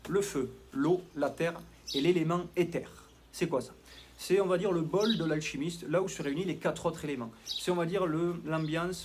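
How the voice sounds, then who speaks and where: French guy w/ southwest accent rambling to camera, slightly high voice, faint hiss behind. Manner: rambling, self-mocking, digressive. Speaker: health coach. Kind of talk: casual talking-head monologue.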